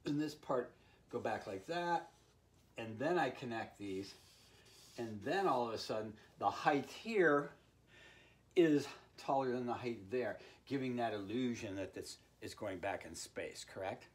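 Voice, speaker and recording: Older guy in his 60s, folksy playful art teacher talking kids through a drawing, medium pitch. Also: animated, a little slow. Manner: playful, folksy, with sound words like boom and bing-bang. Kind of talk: informal instructional talk while drawing. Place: indoor room with art on the wall.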